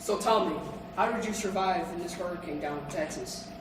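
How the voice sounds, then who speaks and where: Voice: mid-range voice, fairly quick. A seventh-grade student playing a parody news co-anchor with an informal, conversational way of interviewing. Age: young adolescent, about 12 to 13. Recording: noisy, echoey room, distant mic.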